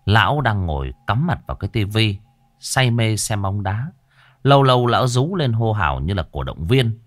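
Man narrating a horror tale, low, animated. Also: normal speed, no echo. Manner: dramatic, animated storytelling. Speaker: storyteller.

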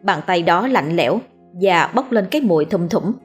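Woman, Southern Vietnamese accent, ghost-story narrator, lower voice. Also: normal speed, husky, soft background music. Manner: steady storytelling.

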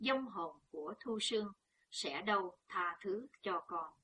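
A woman's voice: mid-range voice, expressive, unhurried, bright, forceful tone, husky, exaggerated voice. A woman voicing a young woman in pain who speaks in a strained but composed way.

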